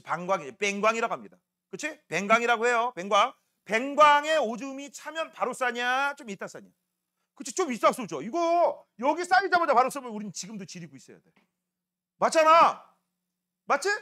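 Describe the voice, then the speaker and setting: A middle-aged man teaching a science class, telling animated stories and throwing in chatty rhetorical questions. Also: very high-pitched. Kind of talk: classroom lecture.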